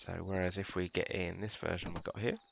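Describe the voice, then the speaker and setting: Showing police cars in a game, a British man congested from a head cold chats casually and rambles, full of ums and restarts. His low, flat voice has vocal fry and a quick pace, while the recording has its highs cut off and a bit of background noise.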